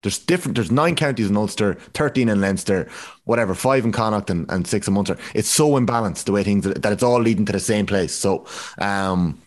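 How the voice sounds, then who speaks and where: A man's voice: on the low side, fairly quick. A man with an Irish accent hosting a casual sports discussion. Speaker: podcast host.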